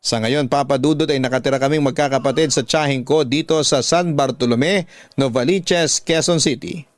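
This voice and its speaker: A man with a Filipino accent hosts a radio drama, reading a listener's letter as a dramatic story and then offering advice. His mid-range voice moves at a moderate pace with no echo.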